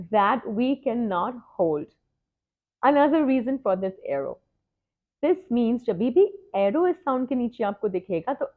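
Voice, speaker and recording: A woman tutor leads a phonics lesson, pronouncing each sound and word slowly and then again. Her voice sits a little high and comes through a thin, phone-like line. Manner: slow, drawn-out modelling of sounds and words, repeated twice. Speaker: reading tutor. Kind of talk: phonics lesson mixing Hindi and English.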